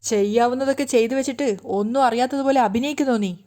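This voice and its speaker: A woman's voice: fairly high pitch, fast talker, close to an everyday voice. A woman voicing a hot-tempered young husband who accuses and scolds in anger. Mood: furious. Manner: shouting, accusing.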